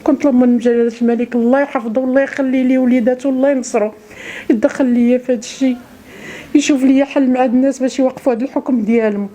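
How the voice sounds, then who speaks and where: A woman's voice: high-pitched, steady tone, racing, mellow. A middle-aged woman with a Moroccan accent, giving an interview testimony in a pleading voice and repeating her words over and over.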